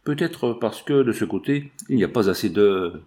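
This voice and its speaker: A man reading an audiobook, voicing a proud young woman who answers with lively, wounded pride. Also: on the low side, normal speed, natural voice. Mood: piqued. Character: proud young Italian woman, quick to defend.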